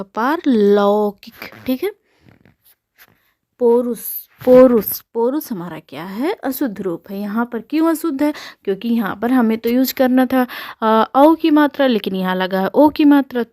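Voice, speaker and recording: A young woman with a fairly high voice teaches an exam-prep spelling lesson. She asks a question, answers it herself, and then stretches out each word slowly so it can be heard clearly. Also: darkish tone.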